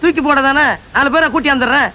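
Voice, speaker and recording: An actor playing a cheeky matchmaker who cracks teasing jokes in a Tamil film comedy scene. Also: male voice, very high-pitched, fairly even intonation, fast talker, bright, forceful tone, full character voice. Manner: teasing, wisecracking. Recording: hissy film soundtrack.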